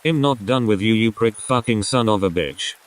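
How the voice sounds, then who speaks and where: A man voicing a fierce, protective teenage boy in a read-aloud text story, talking gruff and blunt. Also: fairly low pitch, normal speed, close to an everyday voice. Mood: angry.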